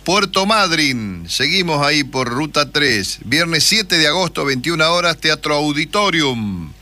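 A man's voice: on the high side, lively intonation, measured pace, pushed and bright. A man with a Rioplatense accent hosting a radio show, chatty and joking, reading out event dates. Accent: Rioplatense Spanish. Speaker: radio host. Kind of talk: casual radio interview.

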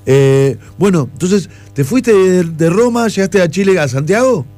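A man's voice: high-pitched, expressive, a little slow, warm tone, no room sound, soft background music. A man with an Argentine Spanish accent hosts a radio interview, asking questions and encouraging his guest with friendly remarks and small jokes. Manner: friendly, joking, frequent backchannel affirmations. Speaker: radio host.

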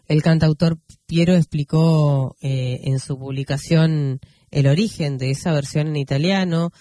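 A man, hosting and reading news commentary, unhurried and full of fillers and self-corrections. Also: fairly high pitch, fairly even intonation, warm tone, no echo, studio quality. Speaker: radio host.

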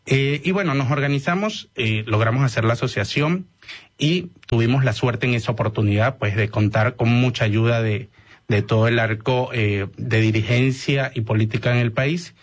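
A man in his thirties with a Venezuelan accent, a doctor speaking as a guest on a radio interview in a measured way with many hesitations. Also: medium pitch. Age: 30s.

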